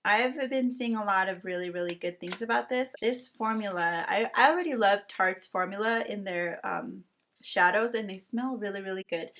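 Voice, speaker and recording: A young adult woman chats casually through a beauty product haul for her channel. She talks in a relaxed, rambling way, often reaching for "um" and "like". Her voice sits at an ordinary middle pitch for a woman. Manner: chatty, with many fillers like "um" and "like". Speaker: beauty vlogger.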